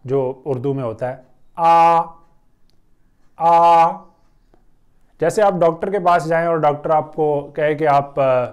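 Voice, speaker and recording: A man's voice: fairly high pitch, a little mellow. Patient Urdu-accented male language teacher. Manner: patient, explanatory, drawn-out pauses and fillers. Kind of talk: online language lesson.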